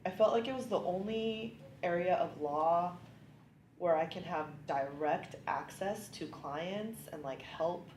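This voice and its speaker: The woman's voice is fairly low, slightly mellow and a touch slow. An upbeat thirty-something immigration lawyer from California, she chats casually in an interview full of ums and likes, captured in an echoing room with faint hiss.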